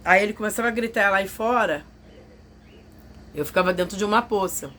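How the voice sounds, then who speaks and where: A medium-pitched, somewhat bright female voice moves a little quickly through a personal story for her vlog audience. Emotional and confiding, she acts out what people told her, with slight noise behind her.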